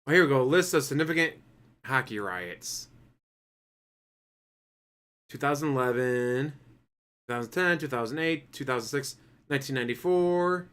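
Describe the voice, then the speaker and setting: A bright, smooth-voiced man giving live reaction commentary, full of sarcastic and mocking asides. His tone is crisp and clear at a middling pitch. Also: animated, moderate pace, long pauses. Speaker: stream reaction host.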